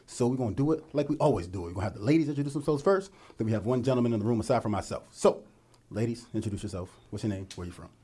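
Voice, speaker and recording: A young man hosting a casual podcast, talking in an animated, slangy, hype way. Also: medium pitch, very fast, breathy edge. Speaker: podcast host.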